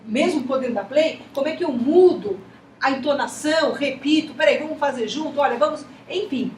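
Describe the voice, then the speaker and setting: A woman's voice: sits high, brisk. A woman with a Brazilian Portuguese accent teaching a class of teachers, talkative and full of rhetorical questions. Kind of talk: lecturing a class. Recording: echoey room, distant mic, faint noise.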